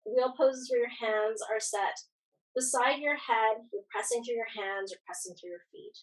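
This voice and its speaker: A woman with a fairly high voice leads a yoga class in a casual, conversational way. She gives encouraging, reassuring cues as an instructor, and she sounds a little way off from the microphone. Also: moderate pace, recorded from a distance, rough recording.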